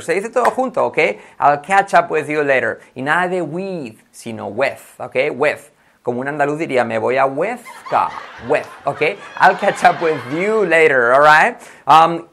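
A man teaching a language lesson online, lively and chatty, often checking in with the viewer and repeating words for practice. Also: a little high. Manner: lively, keeps checking in with "vale" and "ok"; models words by repeating them.

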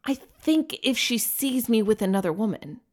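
A woman's voice: a little high, lively intonation, moderate pace, pitched above the performer's own voice. A woman voicing an awkward, doughy male coworker in his late thirties who stammers and pleads. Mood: pleading.

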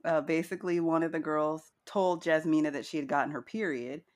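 A woman with a notably low-pitched voice co-hosts a casual podcast, recapping a reality show. She talks in a relaxed, chatty way, laughing often and slipping in playful asides. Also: a little fast. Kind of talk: casual chat.

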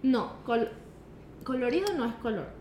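A woman's voice: a little high, very animated, measured pace, darkish tone. A young woman with a Venezuelan Spanish accent, co-hosting a casual chat over a word game, laughing and teasing a lot. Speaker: co-host. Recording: echoey room, faint noise.

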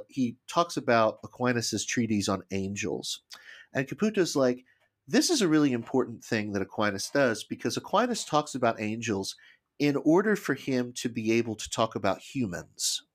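A man's voice: mid-range voice, expressive, normal speed. A man co-hosting a casual podcast, tentatively explaining a book at length. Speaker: podcast co-host.

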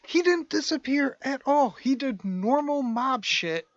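A man's voice: very high voice, expressive, unhurried, dry recording, highs cut off. A man co-hosting a casual podcast, joking, swearing and laughing a lot. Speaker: podcast co-host. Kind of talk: casual chat.

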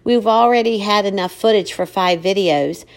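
Woman, audiobook narrator, first-person story, expressive, emotional dialogue. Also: medium pitch, moderate pace.

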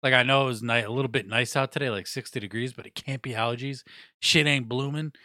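Fast and fairly even in intonation, a young man's mid-range voice comes through a dry, studio-quality recording. Hosting a casual hip hop podcast with a stuffy nose, he talks loosely, cursing, using slang, and giving shout-outs.

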